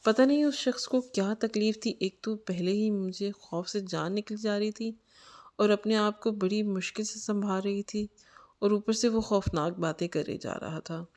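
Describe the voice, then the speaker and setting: A woman's voice: medium pitch, a little mellow. A woman narrating a story in the first person, earnest and anxious.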